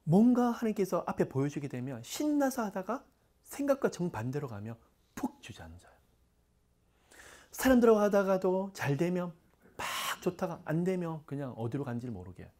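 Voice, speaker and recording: A man's voice: high-pitched, big pitch swings, a little fast, dark tone. A middle-aged man, a pastor, preaching conversationally and often dropping to a whisper. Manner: conversational preaching, many asides; drops to breathy whispers. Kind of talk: sermon.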